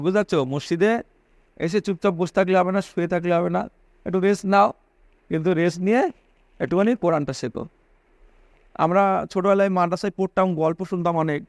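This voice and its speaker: A man's voice: high voice, no room sound. A man giving a religious sermon, repeating phrases for emphasis and asking his listeners questions. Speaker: preacher.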